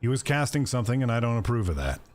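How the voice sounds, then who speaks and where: A man's voice: medium pitch, very animated, very fast, a little mellow. A man streaming a video game, chatting casually and joking with viewers while he plays. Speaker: gaming streamer. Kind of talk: casual gameplay commentary.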